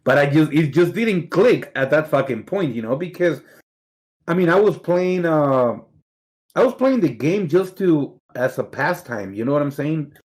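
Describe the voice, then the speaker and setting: Speaking at a normal speed, this middle-aged man from Mexico has a somewhat high, expressive voice with a darkish tone and a Mexican accent. He's a relaxed podcast guest trading casual stories, laughing readily and cursing all the time.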